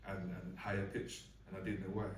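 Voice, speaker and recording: A man's voice: low voice, level tone, fairly quick, a little hiss or hum. Laid-back young man in an echoey room. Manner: laid-back, hesitant, many "um"s. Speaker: guest actor. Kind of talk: casual podcast chat. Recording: roomy sound from a distant mic.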